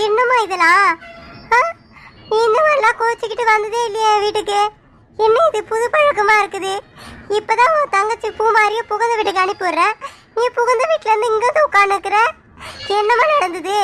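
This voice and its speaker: A woman's voice: very high-pitched, fairly quick, pauses often, background noise. An actress playing a middle-aged mother who questions her daughter and coaxes her to go back. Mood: concerned. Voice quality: coaxing, scolding gently. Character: concerned older mother, coaxing. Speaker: actor. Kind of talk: Tamil family drama acting.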